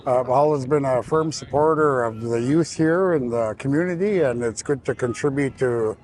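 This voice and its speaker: A man giving interview remarks in a measured way, with hesitant pauses. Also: mid-range voice, darkish tone, slight background noise. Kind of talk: interview talk.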